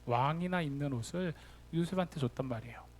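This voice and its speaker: A young man preaching a sermon to young adults, telling the story lively and acting out the figures' words. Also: fairly high pitch, fast. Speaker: youth pastor.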